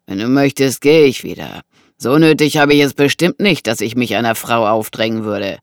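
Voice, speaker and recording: Narrator putting on a slow, taunting menacing man. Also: mid-range voice, lively intonation, no room sound, studio quality, lightly acted. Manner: slow, taunting, drawn-out delivery. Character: threatening man with a knife, mocking and menacing.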